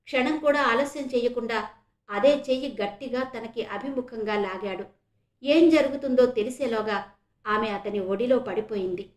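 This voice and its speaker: High-voiced woman narrating a novel. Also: moderate pace, roomy sound. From Visakhapatnam, India. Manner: steady expressive reading. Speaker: audiobook narrator. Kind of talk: novel reading.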